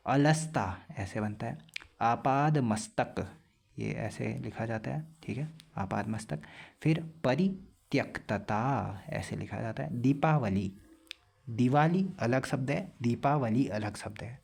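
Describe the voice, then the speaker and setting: A young man teaching a casual spelling lesson for exam prep, explaining plainly and repeating words slowly to correct them. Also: medium pitch, vocal fry, darkish tone, husky.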